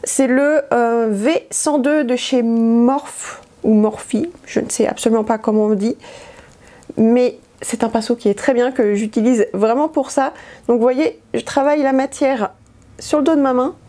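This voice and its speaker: A woman's voice: fairly high pitch, steady tone, measured pace, warm tone. A woman chatting casually through a makeup tutorial, hesitant with many fillers. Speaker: beauty vlogger.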